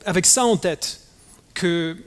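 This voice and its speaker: A man from the United States preaching a sermon as pastor, talking haltingly with many fillers and restarts. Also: high-pitched, clean tone. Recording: long hall reverb.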